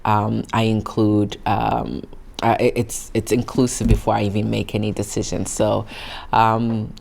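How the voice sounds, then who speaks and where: A woman's voice: a bass voice, flat delivery, a little slow, creaky, a little mellow. Earnest woman. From Italy. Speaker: interview guest, founder. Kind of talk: reflective interview answers.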